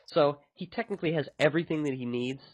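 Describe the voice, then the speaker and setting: A man who hosts a podcast and develops indie games talks casually and ramblingly about his own work. His voice is a little high, he speaks quickly, and the recording is dry.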